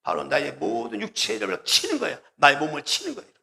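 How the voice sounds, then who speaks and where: A man's voice: on the high side, wildly swooping pitch, a little fast, creaky, pushed and bright. A male pastor preaching a sermon, emphatic and repetitive, often asking the congregation questions and calling out hallelujah. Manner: calls out hallelujah and addresses the listeners directly.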